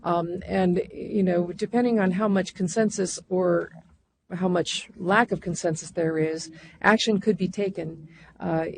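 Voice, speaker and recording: A woman's voice: fairly low pitch, vocal fry, a little mellow, slight background noise. A woman on the commission staff answering questions at a public meeting, thoughtful and restarting her sentences as she thinks.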